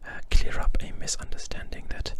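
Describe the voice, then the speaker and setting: A young adult ASMR creator from Germany, speaking with a German accent, whispers an informal explanation to viewers while deliberately overpronouncing hard consonants.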